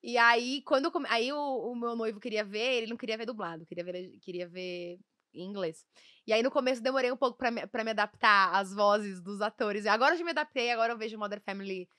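A woman's voice: a little high, fast, bright, forceful tone, smooth, no room sound, clean studio sound. A young Brazilian woman, a podcast guest, chatting casually and chattily, often restarting her sentences. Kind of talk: casual chat.

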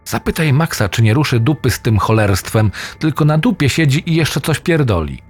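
A man's voice: medium pitch, sing-song, moderate pace, pitched above the performer's own voice. A man voicing a pushy, foul-mouthed young man in a spoken horror story. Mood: irritated. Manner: swearing, pushy, sure of himself. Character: brash crude young man, bossy friend.

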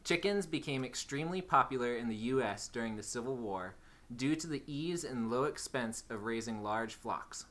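A man's voice: medium pitch, expressive, a bit bright. Man reading trivia facts steadily. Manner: measured, reads facts aloud deliberately. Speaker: podcast co-host.

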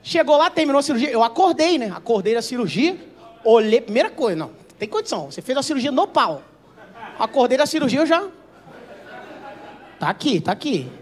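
High-voiced man doing crude stand-up. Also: sing-song, fast, a faint crowd. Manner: crude, self-mocking, acts out dialogue. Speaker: stand-up comedian. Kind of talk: stand-up storytelling.

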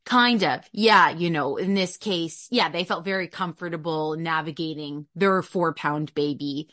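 A woman's voice: low-pitched, measured pace, a bit bright. A woman hosting an interview, affirming her guest and talking in loose, run-on phrases. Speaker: host, birth companion. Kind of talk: casual interview conversation.

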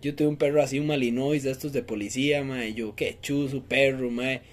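A man's voice: mid-range voice, brisk. A young man with a Costa Rican accent, co-hosting a casual podcast and telling stories with lots of slang. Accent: Costa Rican Spanish. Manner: joking, animated storytelling with slang. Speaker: podcast co-host. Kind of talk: casual chat.

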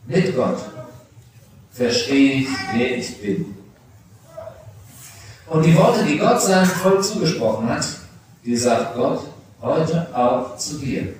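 Recorded at a distance in an echoey church with a bit of hiss or hum, a middle-aged pastor delivers a confirmation sermon. His voice is on the high side and a little mellow as he speaks personally and directly to the teenagers.

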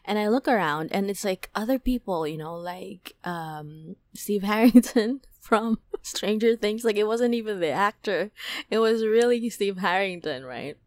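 A woman hosting a podcast, telling a dream story in a casual, animated way, packed with "like" and "right?", her voice climbing high when excited. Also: unhurried, no room sound. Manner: animated, many fillers like "like" and "right?". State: toothache, on medication. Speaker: podcast host.

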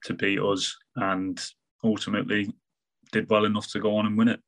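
A former footballer with an English Midlands accent, talking in a casual podcast interview with halting, restarting sentences. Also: male voice, fairly low pitch, little pitch movement, fairly bright tone, low-quality recording. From England. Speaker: football manager and former player.

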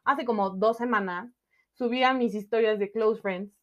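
A young woman with a Mexican accent co-hosting a podcast, telling a story in slangy, animated casual chat full of fillers. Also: on the high side, normal speed, highs cut off. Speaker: podcast co-host.

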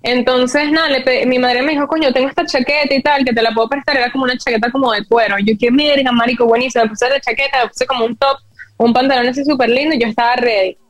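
A young woman with a Venezuelan accent, telling stories in animated casual chat with lots of slang. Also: high voice, fast talker, no room sound. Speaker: podcast co-host.

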